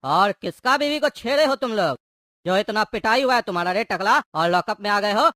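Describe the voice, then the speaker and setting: A man's voice: high-pitched, animated, fairly quick, bright, forceful tone, no echo, studio quality. A voice actor playing a hot-tempered male gangster in a cartoon, taunting and threatening. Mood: mocking. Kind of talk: cartoon voice acting.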